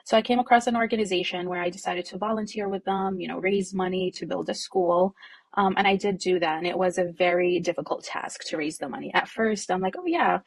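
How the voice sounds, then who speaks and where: A woman from Jordan speaking in an interview with a low, husky voice and a gravelly edge. She talks reflectively, with fillers and quiet laughs. The recording is dry and close. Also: brisk. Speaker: nonprofit co-founder, guest. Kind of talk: conversational interview.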